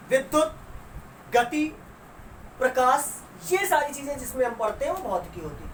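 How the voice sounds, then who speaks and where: A high-voiced woman leads a school science class, putting questions to her students and answering them herself as she stretches out key words. She's recorded from a distance, away from the mic, with a roomy sound and faint noise.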